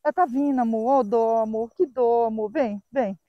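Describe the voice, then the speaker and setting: High-voiced Brazilian woman vlogger. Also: fairly even intonation, a little fast, no echo, dull audio. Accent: Brazilian Portuguese. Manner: tender, coaxing, emotional. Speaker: vlogger rescuing a stray dog. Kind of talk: outdoor handheld vlog. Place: outdoors in scrubland by a car.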